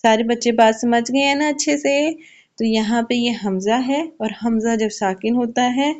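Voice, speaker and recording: A woman's voice: on the high side, darkish tone, dull audio. A woman teaching children Quran recitation, explaining each rule patiently and asking questions she then answers herself. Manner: slows to recite verses carefully. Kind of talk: Quran tajweed lesson for kids.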